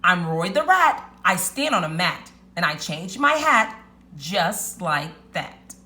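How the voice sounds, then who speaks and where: A woman voicing a clever, excitable little male rat in a storybook read-aloud, with an emphatic, chanting, exclamatory delivery. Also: on the low side, slow pace, heavily acted. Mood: chanting, proud.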